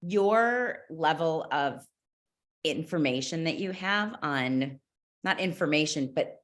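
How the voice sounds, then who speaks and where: A woman's voice: low-pitched, expressive, slow pace, a bit bright. A woman guest, a mother, chatting casually and effusively, exclaiming and restarting her sentences. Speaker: guest, former client and mother. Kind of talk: casual podcast chat.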